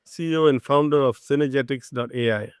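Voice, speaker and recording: A man's voice: medium pitch, a little fast, clean tone, no echo, studio quality. A man from Singapore, a startup founder, giving thoughtful, explanatory interview answers.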